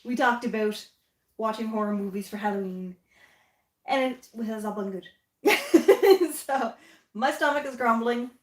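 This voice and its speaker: A woman's voice: fairly high pitch, expressive, unhurried. A woman hosting a casual livestream, chatty and often laughing, talking from a home basement. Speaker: livestream host. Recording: roomy echoey room.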